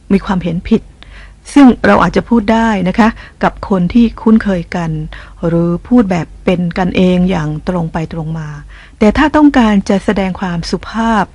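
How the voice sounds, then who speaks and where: A woman's voice: medium pitch, no echo. Polite woman narrating a language lesson. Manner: gentle, polite explaining tone. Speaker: English teacher.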